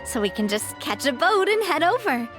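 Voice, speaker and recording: A spirited young woman who leads in a video game speaks in a high, animated voice at a moderate pace. She comes across as earnest, breezy and friendly, with a casual, inviting mood, and music plays behind her.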